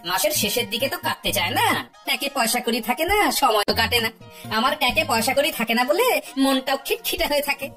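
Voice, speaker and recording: Shrewd village man, middle-aged, cartoon style, high pitch, lively swings, teasing. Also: quick pace. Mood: wry. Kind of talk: cartoon voice acting. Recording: music under the voice.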